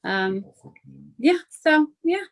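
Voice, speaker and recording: A woman's voice: high voice, big pitch swings, very slow, a bit bright. A woman who hosts her own podcast, guesting and chatting breezily on a video call.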